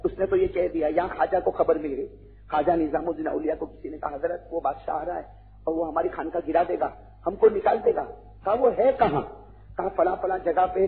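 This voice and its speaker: A man preaching a religious sermon, with dramatic swings from low talk to shouted lines and many questions to the crowd. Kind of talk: Urdu-Hindi religious sermon. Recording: tinny lo-fi phone-like recording with faint noise.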